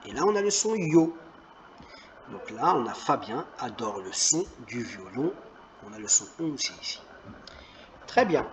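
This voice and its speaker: A man teaching a reading lesson to children, sounding out words slowly and patiently, encouraging them as he goes. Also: medium pitch, fairly bright tone, slight background noise. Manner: slow, clearly stressed word-by-word reading. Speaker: primary school teacher.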